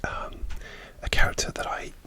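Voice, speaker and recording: In a hushed, close-to-the-mic whisper, a male ASMR creator rambles through a tale, pausing a lot and filling gaps with filler words.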